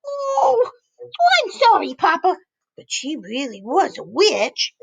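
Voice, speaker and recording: Woman doing a little girl chicken, storybook, high pleading squeal, lively, dry close sound. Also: takes it slowly, gravelly, dry recording, exaggerated voice. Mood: eager. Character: eager little girl chicken, excitable, keeps interrupting.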